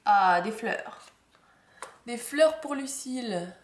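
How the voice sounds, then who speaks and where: A woman's voice: a little high, lively intonation, slow. A young woman chatting casually through a planner unboxing, fond of the cute details and saying "hop" as she turns each page. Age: young adult. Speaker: planner vlogger. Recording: echoey room with faint noise.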